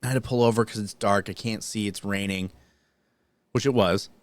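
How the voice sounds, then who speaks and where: A podcast co-host with a lowish voice speaks a little fast in a steady tone, with no room sound. In casual chat he tells a long story and then reads news items, rambling and profane, full of restarts and fillers.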